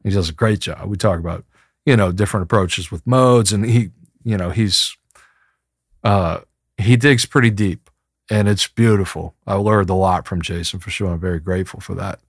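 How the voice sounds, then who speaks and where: A man with a low voice answers in a casual interview. He speaks in a reflective, colloquial, slightly rambling way, recorded dry. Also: moderate pace, breathy edge, no room sound. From New Orleans, USA. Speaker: interview guest, musician.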